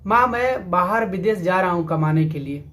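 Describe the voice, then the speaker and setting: A man's voice: high-pitched, lively intonation, moderate pace, a bit bright, pitched below the performer's own voice. A man voicing a stubborn, wealthy young son in a spoken story, insistent and headstrong.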